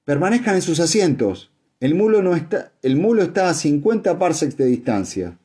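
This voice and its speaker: A man reading aloud and voicing a panicked male official who shouts for order. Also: a little high, sing-song, moderate pace, slightly rough, voice pushed up. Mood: shouting.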